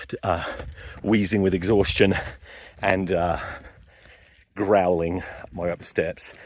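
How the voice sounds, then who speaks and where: A man's voice: low-pitched, a little mellow, no echo. A man vlogging outdoors on a cliffside staircase into his phone, rambling and swearing in nervous self-talk, growling and worked up. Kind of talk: casual self-filmed vlog. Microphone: phone camera, sometimes in his pocket.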